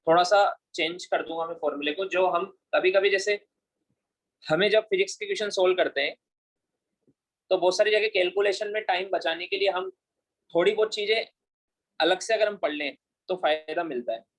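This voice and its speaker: A man's voice: sits high, normal speed, long pauses, a bit bright. A male physics teacher lecturing a class, often checking whether the students have understood and mixing English terms into his speech. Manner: keeps checking students follow, asking "understood?".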